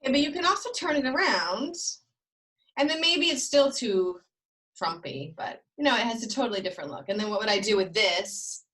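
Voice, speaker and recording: A woman's voice: fairly high pitch, animated, a little fast, a bit bright, slightly rough. A woman in her fifties hosting a casual video call about fashion, chatty and rambling, often trailing off mid-sentence. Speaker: host.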